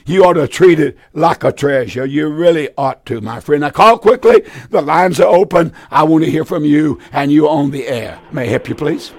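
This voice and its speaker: Male call-in radio preacher: weak, husky, creaky voice, slightly high, earnest plain-folks exhortation. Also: normal speed, few pauses, no echo, studio quality. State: voice worn from a week of preaching. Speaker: preacher hosting a call-in Bible show. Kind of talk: live Bible call-in preaching.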